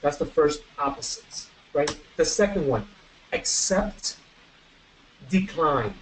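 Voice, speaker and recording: A man teaching an English vocabulary class online, switching between Spanish and English and repeating word pairs slowly for practice. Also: on the high side, slight background noise, poor audio.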